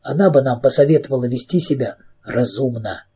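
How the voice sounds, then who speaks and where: A man's voice: medium pitch, fairly quick, warm tone, breathy edge. A man voicing a pale, determined young boy who speaks firmly and sensibly. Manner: earnest, sensible, firm.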